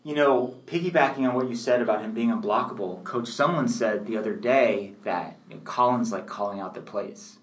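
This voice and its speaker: A man co-hosting a casual sports talk show, measured and analytical, leaning on "you know" fillers. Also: medium pitch. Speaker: sports podcast co-host.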